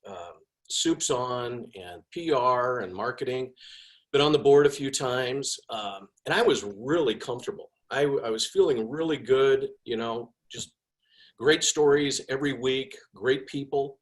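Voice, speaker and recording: A man's voice: medium pitch, a little slow. A man who is a past club president, telling a personal story in a casual, enthusiastic way. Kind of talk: personal speech.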